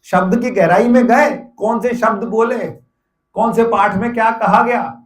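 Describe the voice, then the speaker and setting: A man's voice: high-pitched, fairly even intonation, unhurried. A middle-aged man giving a devotional discourse to a gathering, asking rhetorical questions and answering them himself, often repeating phrases for emphasis. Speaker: spiritual teacher. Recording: echoey room.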